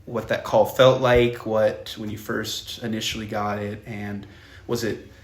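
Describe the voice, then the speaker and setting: A man's voice: lowish voice, flat delivery. A young man hosting a youth podcast, chatty and upbeat, asking questions casually. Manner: chatty, upbeat, quick to laugh. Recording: echoey room with faint noise.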